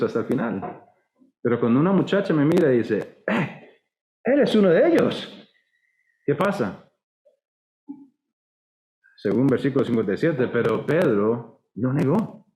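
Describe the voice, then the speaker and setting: Costa Rican pastor in an echoey hall. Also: male voice, mid-range voice, warm tone. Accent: Costa Rican Spanish. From Costa Rica. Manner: dramatizes quoted voices, conversational preaching. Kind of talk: sermon.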